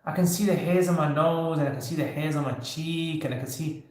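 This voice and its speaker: A man's voice: fairly high pitch, fairly quick. A man in his thirties hosting a casual livestream Q&A, talking loosely and joking with viewers. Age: 30s. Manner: conversational, loose, with frequent "you know" and light joking. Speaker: livestream host answering viewer questions. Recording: very echoey room.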